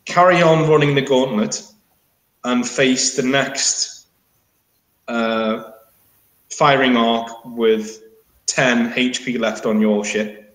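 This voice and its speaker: A man running a tabletop game as game master, talking casually in a halting, wry way. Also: mid-range voice, a bit bright, echoey room, rough recording.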